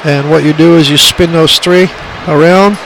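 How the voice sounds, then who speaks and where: Demonstrating his radio equipment, a hobbyist gives a plainspoken, hands-on tutorial, recorded on an amateur phone with background noise. His highish voice carries vocal fry and fairly even intonation at normal speed, and he stresses and repeats his points.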